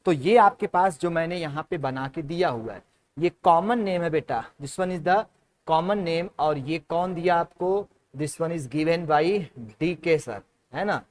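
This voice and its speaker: Indian male chem teacher, fairly high voice, repeats everything, drills mnemonics. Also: slow pace. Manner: repetitive, drilling mnemonics, calls students beta. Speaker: chemistry teacher. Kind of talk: classroom lecture in Hindi-English mix.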